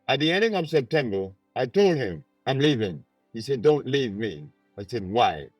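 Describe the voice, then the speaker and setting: A man in an archive interview clip, telling a story and retelling dialogue in a plain, unhurried way. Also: medium pitch, very animated, slightly rough, no room sound, highs cut off, faint music behind. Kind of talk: casual storytelling.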